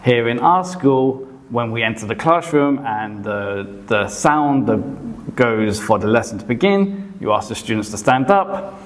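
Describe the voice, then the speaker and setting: A man who teaches English, casually explaining teaching tips in a relaxed, conversational way with frequent hedges. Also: medium pitch, unhurried. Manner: relaxed and conversational, often hedging. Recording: long reverb, hall-like echo.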